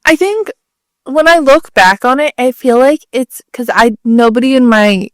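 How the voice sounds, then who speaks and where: Clear, higher-pitched woman chatting casually. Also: moderate pace, no room sound. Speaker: podcast co-host. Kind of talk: casual podcast chat.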